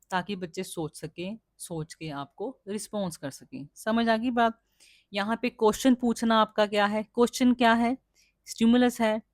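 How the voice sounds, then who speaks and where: A teacher educator with a medium-pitched, darkish voice explains teaching skills to trainee teachers. She often poses questions and answers them herself, checking that the class is following. The recording is studio quality with no room sound.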